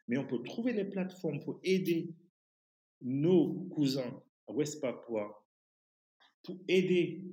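A man speaks French with a foreign, English-tinged accent, pleading his case in an interview. His pitch moves in lively sweeps, and he often stops to hunt for a word before pressing on with emphasis. The room around him rings with echo. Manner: halting, searching for words, emphatic. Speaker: podcast guest, activist. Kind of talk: impassioned interview talk. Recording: roomy, echoing sound.

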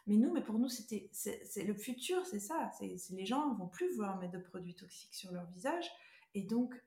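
A middle-aged woman, co-founder of a beauty brand, is interviewed as a casual guest, picking her words hesitantly and often starting sentences over. Her mid-range voice is expressive and warm at a normal speed, recorded in an echoey room.

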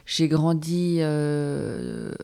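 A woman's voice: sits low, wildly swooping pitch, drawn-out words, gravelly, dark tone. A woman in her forties, a podcast guest, answering casually with hesitation, restarts and short laughs. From born in the United States, raised between Geneva and Paris. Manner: hesitant, many fillers and restarts, laughs between thoughts.

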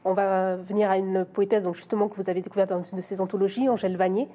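A woman interviewer gently giving short prompts to her guest. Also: medium pitch, fairly even intonation, fast talker. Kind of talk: interview talk.

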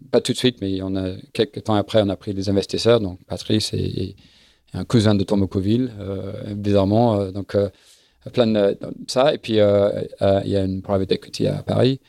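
A middle-aged man with a low, gravelly voice, speaking in a halting way as he hunts for words and repeats himself. He talks as a guest in a casual interview, recorded dry and close with no room sound. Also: flat delivery, warm tone, no room sound. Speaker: guest, sailing event business founder.

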